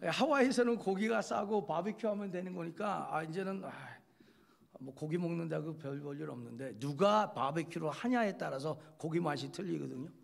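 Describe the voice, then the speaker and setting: A man's voice: fairly high pitch, moderate pace, creaky. A male pastor giving a chatty, joking sermon, speaking straight to his listeners and acting out little quoted scenes.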